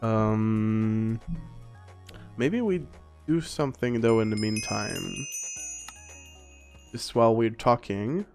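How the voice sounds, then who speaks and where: A man's voice: on the low side, slow, gravelly, long pauses, darkish tone. A man casually commentating a game livestream, rambling and reading viewer chat aloud, with faint music behind him. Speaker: gaming streamer. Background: faint background music.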